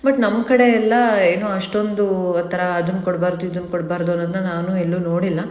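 A woman's voice: on the low side, steady tone, fairly quick, darkish tone. A woman in her thirties from Mysuru, telling chatty, rambling stories as a family vlogger. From Mysuru, India. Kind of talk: casual vlog narration. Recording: echoey, reverberant room.

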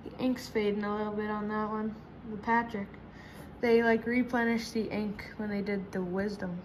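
A woman chatting casually while opening trading card packs, breaking into high excited shrieks at big pulls. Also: normal speed, a little hiss or hum, rough recording. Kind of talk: casual pack-opening commentary. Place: indoors at a table. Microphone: camera over hands, speaker off screen.

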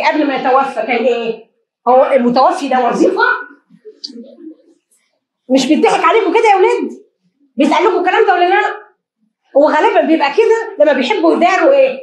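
An Egyptian woman lectures quickly in a fairly high voice, firing off rhetorical questions and answering them herself. She slips into little acted dialogues as she goes. The room around her sounds echoey. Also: darkish tone. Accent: Egyptian Arabic. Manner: acts out short dialogues in quick asides. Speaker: lecturer giving marriage advice. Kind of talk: lively lecture to an audience.

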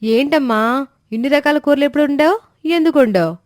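A man's voice: very high-pitched, fairly quick, dry recording, studio quality, voice pushed up. A man voicing an eager young married daughter in a storybook tale, asking questions. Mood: surprised.

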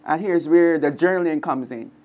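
Unhurried teaching voice, repeating phrases. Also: mid-range voice, muffled recording. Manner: slow, repeats key phrases, pauses. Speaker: co-presenter. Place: television studio.

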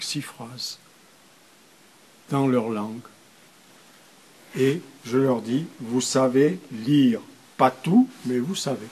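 A man's voice: medium pitch, husky, poor audio. An older man, a priest, explaining his method for teaching adults to read, patiently sounding out syllables one by one.

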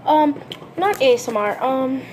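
A woman's voice: high-pitched, lively intonation, unhurried, darkish tone. Rambling young female vlogger, noisy recording. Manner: rambling, filler-heavy talk with lots of "like" and "um". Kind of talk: casual eating-show vlog.

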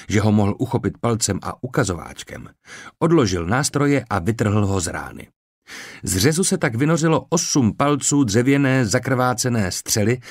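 A man narrating a historical adventure audiobook in an even, measured storytelling manner, recorded in a studio. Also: mid-range voice, no room sound. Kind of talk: scripted narration.

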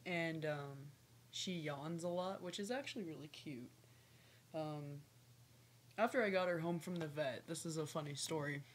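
A woman's voice: low voice, moderate pace. A young woman chatting casually to camera in a rambling way, breaking off now and then to coo at a pet. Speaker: pet snake owner vlogging. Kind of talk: casual vlog chat to camera. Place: small lamp-lit room at home. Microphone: webcam or laptop mic at arm's length. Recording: noisy home webcam audio.

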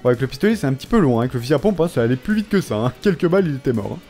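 A man casually commentating his gameplay, talking straight at the characters, mocking and taunting enemies, dropping from low muttering to excited yelps. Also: very fast, faint music behind. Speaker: let's play gamer.

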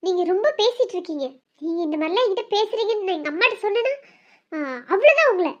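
A flustered young woman, stammering her way through every answer, as a woman voices her. The voice sits very high and defiant, recorded with dull, muffled sound. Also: lively intonation, fast. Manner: stammering, evasive. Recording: dull lo-fi audio.

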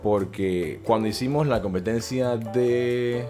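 A man's voice: medium pitch, slow, darkish tone, soft background music. A young man with a Panamanian Spanish accent, a podcast host and fitness coach telling stories in casual, slangy chat and laughing often.

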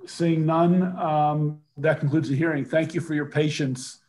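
Flat-toned older chairman over noisy call. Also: on the high side, a little slow. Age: 60s. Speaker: committee chair. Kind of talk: formal meeting procedure. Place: office, video call. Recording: noisy video call audio.

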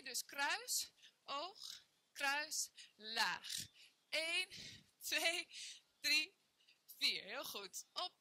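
A young woman instructing a workout counts reps and rallies her students as she exercises with them in a bare indoor space. The high voice is pushed and bright, with no echo.

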